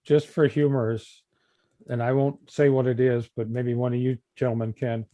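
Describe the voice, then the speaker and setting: A man hosting a video call, explaining carefully in a relaxed way. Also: mid-range voice, normal speed, no room sound, phone-quality sound. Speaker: show host. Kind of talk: casual video call talk.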